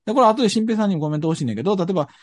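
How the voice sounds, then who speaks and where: A man's voice: high-pitched, expressive, rapid-fire, dry recording, studio quality. Musing man with a Kansai accent. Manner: thoughtful, searching for words. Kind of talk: reflective discussion.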